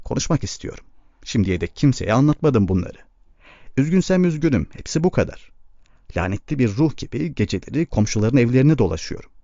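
A man's voice: mid-range voice, very animated, fairly quick, mellow, no echo, dull audio. A man reading a bitter, grieving farmer who broods and bursts into anger.

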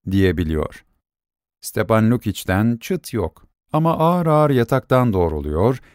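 A man narrating a story in a measured, expressive reading. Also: mid-range voice, dry recording, clean studio sound.

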